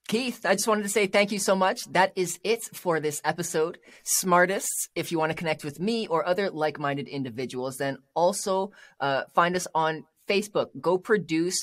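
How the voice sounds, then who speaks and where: A man hosts a casual podcast, upbeat and relaxed. His talk is loose and sometimes stumbles. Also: on the high side. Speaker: podcast host.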